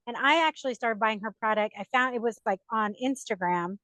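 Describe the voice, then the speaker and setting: Her voice is a little high, a little fast and a bit bright, with no echo, as this young English-speaking podcast host chats with a guest. She keeps the conversation casual and lively, laughing frequently.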